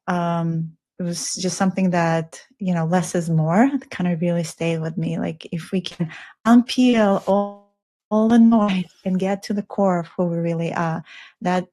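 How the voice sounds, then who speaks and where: A woman's voice: fairly low pitch, fairly even intonation, moderate pace, warm tone. A middle-aged woman from the Soviet Union who grew up in Israel, speaking as an interview guest in an earnest, flowing, reflective way. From Soviet Union, raised in Israel. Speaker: guest, spiritual teacher. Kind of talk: casual interview talk.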